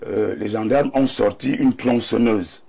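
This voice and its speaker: A male panelist with a Cameroonian accent offers emphatic debate commentary, repeating key words for weight. His fairly low, gravelly, mellow voice moves unhurriedly, and a slight cold has him clearing his throat.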